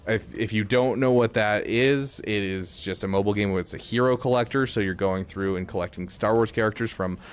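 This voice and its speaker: A man's voice: on the low side, a little fast, few pauses, a little hiss or hum. A man streaming a video game, chatting casually and rambling with lots of fillers. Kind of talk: casual gaming stream chat.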